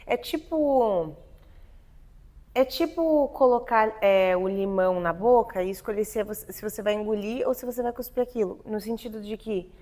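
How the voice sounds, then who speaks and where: A woman's voice: medium pitch, moderate pace, mellow. A young adult woman with a Brazilian Portuguese accent, co-hosting a podcast in a frank, emphatic casual chat. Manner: frank, emphatic, talks in long stretches. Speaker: podcast co-host.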